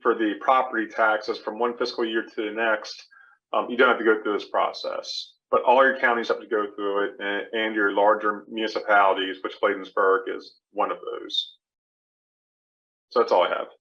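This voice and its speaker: A man's voice: fairly low pitch, little pitch movement, normal speed, bright, forceful tone, muffled recording. A man giving plain, explanatory finance remarks over a video call.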